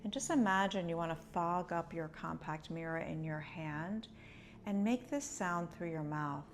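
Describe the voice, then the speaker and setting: A woman with a lowish voice teaches yoga breathing, guiding listeners step by step in a conversational, explanatory manner. She speaks at a moderate pace, and there is noise in the background.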